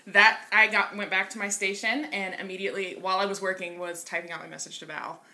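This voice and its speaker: A woman's voice: medium pitch, flat delivery, fast, bright, forceful tone. A woman in her twenties, a podcast guest chatting candidly and laughing easily. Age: 20s. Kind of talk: casual podcast chat.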